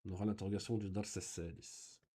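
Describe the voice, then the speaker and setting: A man's voice: sits low, steady tone, quick pace, warm tone, husky. A man teaching a beginners' Arabic lesson in French, reading dialogue lines and translating them patiently one by one. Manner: patient, repeats and translates line by line.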